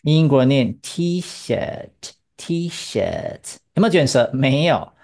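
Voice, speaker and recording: A woman runs a bilingual English pronunciation lesson at a brisk pace, her bass voice a little mellow. She explains patiently in Chinese, drills each word with the student, and asks rhetorical checks.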